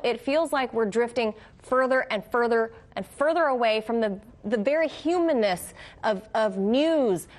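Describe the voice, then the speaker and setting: Higher-pitched female news host. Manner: conversational, questioning. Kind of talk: TV news interview.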